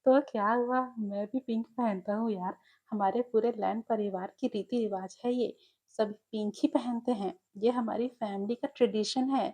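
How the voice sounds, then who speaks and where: A woman's voice: a little high, steady tone, moderate pace, warm tone, lightly acted. A woman voicing a cheerful older brother who talks in a jovial, chatty way.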